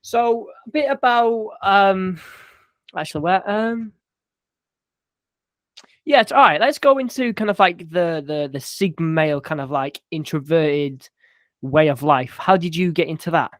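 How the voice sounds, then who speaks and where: A man's voice: high voice, unhurried, no echo, studio quality. A young man hosting a podcast, chatting casually and swearing now and then. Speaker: podcast host.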